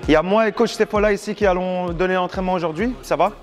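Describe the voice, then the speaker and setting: Un homme, coach de boxe, qui donne des consignes fortes et encourageantes pendant un entraînement en salle. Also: male voice, high-pitched, fast talker, soft background music. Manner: loud, encouraging gym instructions. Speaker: boxing coach. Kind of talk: coaching a training session. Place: boxing gym.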